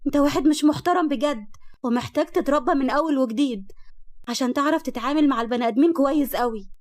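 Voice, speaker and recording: A woman voicing a quick-tempered young woman doctor with an Egyptian accent, who scolds in shrill outbursts. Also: dry recording, close to an everyday voice. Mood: angry.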